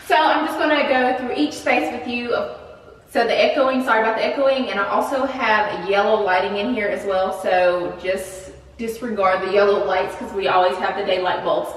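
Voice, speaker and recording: A woman's voice: mid-range voice, steady tone, normal speed, recorded from a distance, soft background music. Chatty woman with big hall echo. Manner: chatty, upbeat, many fillers. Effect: big hall echo of an empty room. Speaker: vlog host. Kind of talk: casual home tour. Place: empty apartment. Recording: echoey empty room, voice from off-mic.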